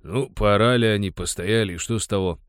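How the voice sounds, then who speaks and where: A man's voice: on the low side, a little fast, no echo, clean studio sound, close to an everyday voice. A man voicing a lazy, boastful male warrior in an audiobook.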